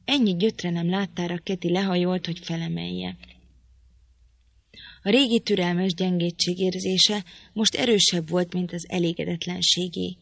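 Female audiobook narrator, low voice, measured delivery, dry close sound. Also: fairly even intonation, gravelly, no echo. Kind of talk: scripted narration of a novel.

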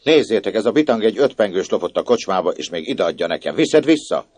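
A man voicing a coarse, shouting peasant stepmother who scolds a little girl, in a story reading. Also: deep voice, big pitch swings, gravelly, slightly rough, no room sound, exaggerated voice. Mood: furious. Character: coarse, shrieking peasant stepmother, middle-aged woman.

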